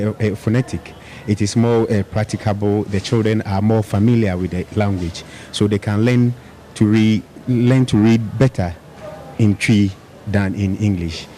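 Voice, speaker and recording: A man with a Ghanaian accent explaining in an interview, halting and repeating words as he goes. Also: fairly low pitch, mellow, a little hiss or hum. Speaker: education project representative.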